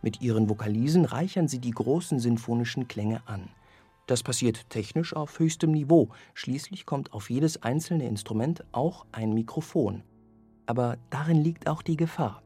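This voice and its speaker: A man reading a scripted radio review of an orchestral album in a measured, evaluative way. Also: mid-range voice, warm tone, slightly rough, no room sound, soft background music. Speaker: music critic.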